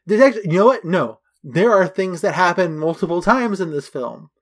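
A man's voice: high voice, expressive, brisk. A man co-hosting a casual film recap podcast, chatty and detailed, going through costumes item by item. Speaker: podcast co-host.

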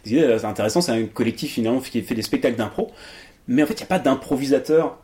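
This young Englishman, a native English speaker and improv actor, is a guest in a casual interview. His medium-pitched, warm voice moves fast but hesitantly, full of fillers and restarts, and he laughs easily. There's a little hiss or hum in the audio.

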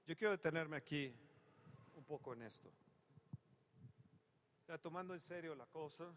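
A man's voice: a little high, moderate pace. Dramatic preacher man in a big hall. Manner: dramatic, swinging from hushed to loud exclamations; humorous storytelling. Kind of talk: sermon. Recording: long reverb from a large hall.

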